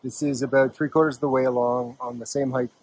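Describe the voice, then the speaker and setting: Slightly husky man narrating a hiking vlog. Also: medium pitch, little pitch movement, fast talker, a little mellow. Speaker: hiking vlogger. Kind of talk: casual outdoor vlog narration. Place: outdoors on a park trail with a stream nearby.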